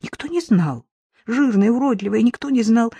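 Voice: mid-range voice, lively intonation, moderate pace, mellow, breathy edge, no room sound, pitched above the performer's own voice. An audiobook reader voicing a traumatized young woman who talks in a repetitive, singsong way that drops into whispers. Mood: haunted. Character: traumatized young woman reliving childhood abuse, childlike. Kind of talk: audiobook reading.

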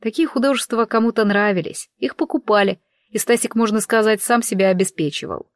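A woman narrating a first-person audiobook in an expressive, conversational way. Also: on the high side, fairly quick, no echo, studio quality.

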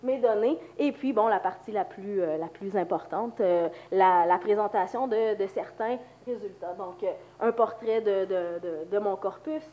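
A woman's voice: mid-range voice, normal speed, few pauses, highs cut off. A woman with a Quebec French accent and the flu, giving an informal conference presentation in a hesitant, conversational way. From Quebec, Canada. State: has the flu. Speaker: university lecturer and researcher.

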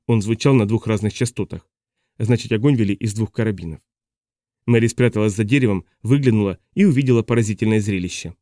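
A man reading a science fiction audiobook as narrator in a steady, even storytelling manner. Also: on the low side, no room sound, studio quality. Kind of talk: scripted narration.

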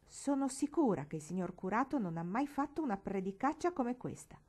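A woman's voice: on the high side, lively intonation, fairly quick, a little mellow, voice pushed up. A woman voicing a stern, indignant elderly aunt in a storybook, scolding in an outraged tone.

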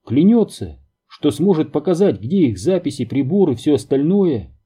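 A man reading an audiobook, voicing a chatty, excitable young woman lab worker who gossips insistently. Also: high-pitched, unhurried, slightly rough, pitched above the performer's own voice, full character voice. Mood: excited.

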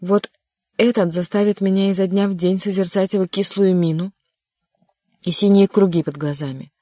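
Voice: mid-range voice, fairly even intonation, normal speed, no room sound, studio quality, close to an everyday voice. A reader voicing a coaxing, kindly king. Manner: warm, coaxing, sometimes vexed. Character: kindly insistent older male king. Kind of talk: audiobook character reading.

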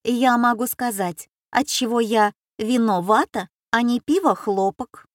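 A woman's voice: on the high side, a little slow, no room sound, studio quality, voice pushed up, natural voice. Woman doing a teasing young daughter.

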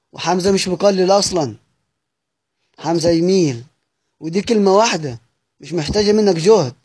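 An Egyptian man lectures his students in a high, bright voice. He explains patiently, raising questions and then answering them. The recording is dry and close, with no room sound. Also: dry recording. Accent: Egyptian Arabic. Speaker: Quran recitation teacher.

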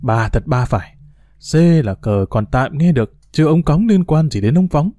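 Grouchy forgetful old grandpa, guy voicing him, grumbly and full of himself, mellow tone. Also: mid-range voice, expressive, moderate pace, no echo, natural voice. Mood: smug. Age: older. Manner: grumbling, cranky complaints. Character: grumpy, stubborn old grandfather, proud, forgetful.

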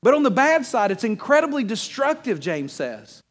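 A man preaching a sermon, mixing a funny personal story with scripture, animated and laughing at his own punchlines. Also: extremely high pitch, moderate pace. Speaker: pastor.

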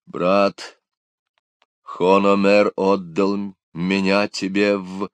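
A man's voice: deep voice, unhurried, no echo. A man voicing a timid, clumsy young male scholar who speaks hesitantly and apologetically.

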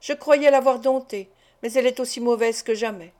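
A woman reading as a brutal gruff robber. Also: fairly high pitch, normal speed, lightly acted. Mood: grumbling. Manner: loud, harsh and bullying. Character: brutal gruff male robber, quick to threaten.

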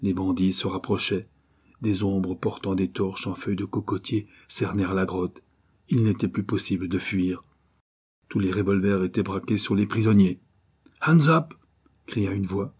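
Male narrator, low pitch, husky, steady measured reading of an adventure novel. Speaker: audiobook narrator. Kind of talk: scripted narration.

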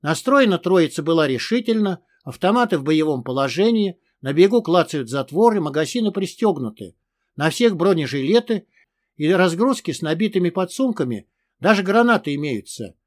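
A man reading a first-person audiobook in a tough, gruff manner. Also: a little high, big pitch swings, moderate pace. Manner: tough, gruff with crude curses in dialogue. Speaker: audiobook narrator.

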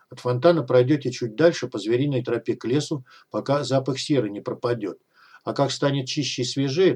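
A man voicing a gruff, weary male guide who gives blunt instructions in an audiobook. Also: mid-range voice, a little mellow, close to an everyday voice.

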